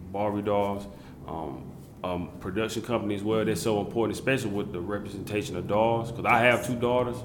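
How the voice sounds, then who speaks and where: A man's voice: on the low side, background noise. Rambling man hosting, echoey room. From South Carolina. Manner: rambling, many fillers and restarts. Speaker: interview host. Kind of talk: casual interview.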